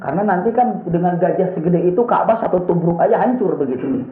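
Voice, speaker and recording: A man's voice: fast, soft background music. A man preaching a storytelling sermon, acting out the characters with a raised voice and frequent chuckles. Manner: animated, acts out characters with raised pitch, chuckles often. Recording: echoey room on a tinny phone-like line.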